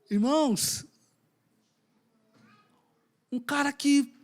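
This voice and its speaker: Male preacher, animated high voice, casual and humorous. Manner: conversational, emphatic, joking with the congregation. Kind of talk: sermon.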